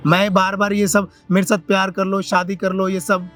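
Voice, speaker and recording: A man's voice: sits high, completely flat delivery, normal speed, a bit bright, soft background music. A man playing a flustered brother-in-law who keeps pleading and refusing in an amateur skit. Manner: pleading, defensive.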